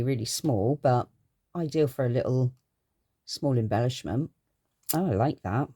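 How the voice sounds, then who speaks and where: A woman's voice: low voice, warm tone, no echo, studio quality. A middle-aged woman chatting casually through a craft haul in her garden craft room, gushing and rambling. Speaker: craft vlogger.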